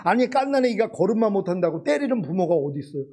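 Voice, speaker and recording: A man's voice: sits high, big pitch swings, fast, mellow, husky. A male pastor preaching a sermon in a conversational way, full of rhetorical questions.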